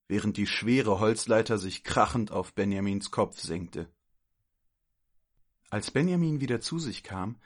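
A man calmly reading a children's story aloud as narrator. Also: on the low side.

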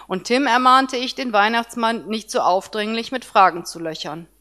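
A woman reads a first-person story aloud in a calm, even narration. Her voice sits a little higher than most women's. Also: normal speed.

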